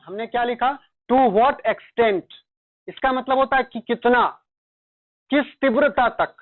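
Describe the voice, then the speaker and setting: A man teaching grammar, slowly dictating examples and quizzing students with repeated questions. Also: very high-pitched, dry recording. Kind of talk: classroom lecture in Hindi with English examples. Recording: dry tinny lo-fi sound.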